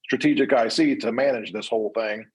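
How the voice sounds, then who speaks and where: A man's voice: medium pitch, brisk, husky, poor audio. An American man talking as a fire service instructor in an unscripted discussion, explaining in a conversational way.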